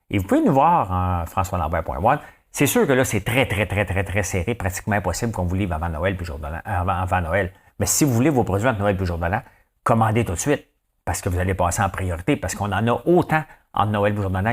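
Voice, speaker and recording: Québécois man hosting a live show, lower voice, bouncy animated delivery, chatty. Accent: Québécois French. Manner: animated, chatty, keeps asking "hein?". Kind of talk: casual chat to viewers.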